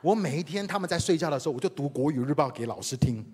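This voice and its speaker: A man's voice: a little high, very fast, slightly rough. A man from Taiwan with a Taiwanese Mandarin accent, a pastor telling a personal story in a sermon and speaking directly to the congregation. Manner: animated, addresses the congregation directly.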